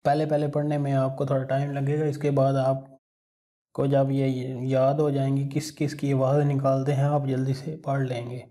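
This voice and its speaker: A man's voice: medium pitch, completely flat delivery, normal speed, dark tone. A man with a Pakistani Urdu accent teaching an alphabet lesson step by step, patiently repeating each sound. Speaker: language teacher.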